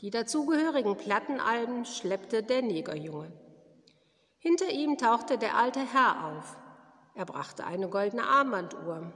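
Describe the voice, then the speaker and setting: A woman reading a story aloud at a church service in calm, even storytelling. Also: mid-range voice. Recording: long hall reverb.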